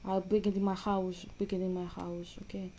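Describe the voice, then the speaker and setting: A woman's voice: mid-range voice, flat delivery, a little fast, mellow, lo-fi sound, slight background noise. A woman with a Greek accent chatting casually as she plays a game, rambling and restarting her sentences. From Greece. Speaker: vlogger. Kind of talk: casual gaming commentary.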